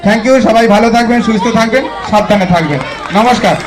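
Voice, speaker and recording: Performing as a stage magician at a live club function, a man with a West Bengal accent speaks fast in a high voice, bantering with the audience the way a kids party magician would. Crowd noise mixes with an echoey PA and music.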